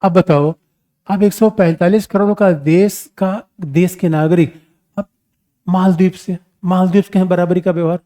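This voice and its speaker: High but dark in tone, this man's voice keeps a measured pace and fairly even intonation. He teaches international relations for an exam, speaking casually and animatedly, calling his students "my children" and posing rhetorical questions.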